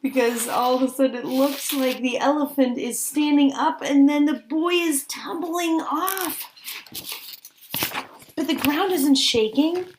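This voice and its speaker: A high-voiced woman reading a picture book to young children as their teacher breaks off to ask easy questions and add exclamations. A little hiss or hum is audible.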